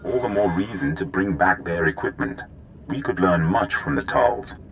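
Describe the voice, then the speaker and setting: An actor playing a formal, dignified alien military strategist in a video game, speaking in a measured, precise way. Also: male voice, low voice, lively intonation, slight background noise. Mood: calculating.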